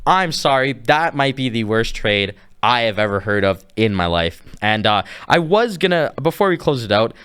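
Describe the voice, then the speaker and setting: A young man from Canada hosts a casual sports podcast, ranting in an animated, incredulous way. He breaks into laughs as he talks, and his voice sits at an ordinary middle pitch. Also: normal speed, few pauses, clean tone. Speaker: podcast host.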